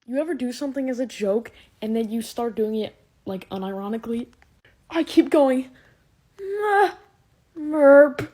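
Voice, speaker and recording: Young American woman, high-pitched comedic ranter. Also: a little fast, breathy edge. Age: teens to young adult. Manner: animated, exaggerated, acts out quotes. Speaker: social media creator telling personal rants. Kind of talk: casual comedic rant.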